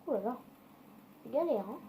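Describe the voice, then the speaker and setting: Chatty woman swearing through her game, kinda high voice, mellow tone, bit of faint noise. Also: expressive, normal speed, rough recording. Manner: chatty and foul-mouthed, talking to viewers. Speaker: gaming video creator. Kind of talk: casual gameplay commentary.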